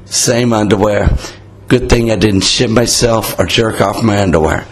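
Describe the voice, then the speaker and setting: Hoarse, low-voiced man, casual podcast host. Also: moderate pace. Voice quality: raspy, hoarse. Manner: blunt, profane, self-mocking. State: voice worn out. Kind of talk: casual rambling monologue.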